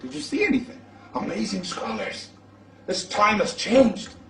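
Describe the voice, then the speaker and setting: A man voicing a devout, wise older wife who gently questions her husband. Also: mid-range voice, expressive, unhurried, creaky, voice pushed up. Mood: probing. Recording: echoey, from far off the mic.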